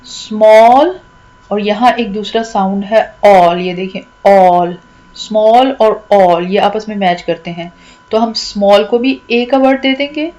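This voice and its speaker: A woman teacher patiently explaining a poem's rhyme scheme, stretching out key words slowly and repeating each step. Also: mid-range voice, a little mellow, rough recording. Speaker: English teacher.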